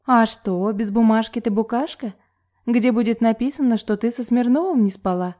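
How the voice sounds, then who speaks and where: Woman voicing a calm, dry-witted young heroine. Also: a little high, moderate pace, pitched above the performer's own voice, close to an everyday voice. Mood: calm sarcastic. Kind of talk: audiobook character reading.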